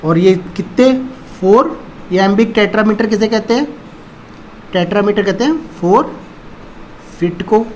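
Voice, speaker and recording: A man's voice: sits high, a little mellow, slight background noise. A man teaching English poetry, who asks questions and answers them himself while explaining. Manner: explains slowly, asks and answers his own questions, mixing Hindi and English. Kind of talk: online lesson on a poem.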